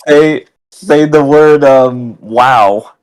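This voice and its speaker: A man in a loose gaming voice chat, with a mid-range pitch. He talks slowly and swears casually. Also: low-quality recording. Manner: laughing, swearing, slangy. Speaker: podcast co-host.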